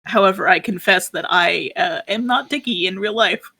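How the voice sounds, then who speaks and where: A woman's voice: medium pitch, normal speed, gravelly, sharp tone, husky. Thoughtful woman playing a tabletop game. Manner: thoughtful, reasoning aloud. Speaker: player.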